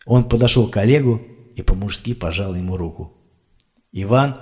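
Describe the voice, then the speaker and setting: A man reading an audiobook aloud, acting out shouted rescue dialogue as he narrates. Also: on the low side. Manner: acts out shouted rescue dialogue, rising and loud for cries.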